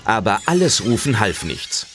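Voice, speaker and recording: As the dramatic storyteller of a German children's adventure audio drama, a man reads scripted narration in a lowish, sing-song voice at normal speed. Loud music plays beneath his narration.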